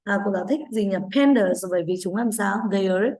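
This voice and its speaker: A woman teaching an English vocabulary lesson to children with a Vietnamese accent, modeling each word slowly and clearly for repetition. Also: mid-range voice, darkish tone. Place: online recorded lesson.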